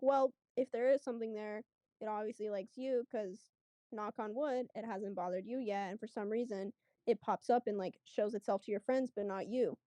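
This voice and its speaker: Woman guest, mid-pitched, mellow tone, chatty storyteller who acts out the dialogue, dry close mic. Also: no echo. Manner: chatty, lots of fillers, acts out quotes. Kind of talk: casual storytelling.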